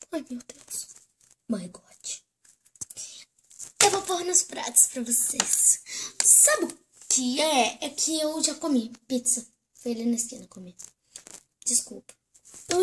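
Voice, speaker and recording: A young girl hosting her own video and acting out a doll story, switching between squealing character voices and hushed whispered asides. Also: high voice, a little hiss or hum. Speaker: YouTube host and doll-play storyteller. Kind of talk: doll role-play acting out all the characters.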